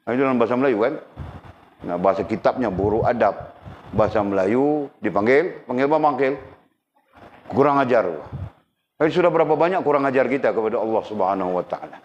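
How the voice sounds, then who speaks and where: A middle-aged man giving a lively religious lesson and often asking his listeners questions. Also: medium pitch, quick pace. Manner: lively, asks the audience questions. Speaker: religious teacher. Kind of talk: sermon. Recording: dull lo-fi recording with faint noise.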